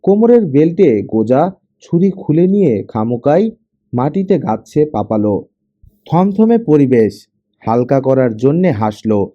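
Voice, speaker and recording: A man reading a detective adventure audiobook with expressive storytelling. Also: mid-range voice, unhurried. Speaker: audiobook narrator. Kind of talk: scripted narration. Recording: dull lo-fi audio.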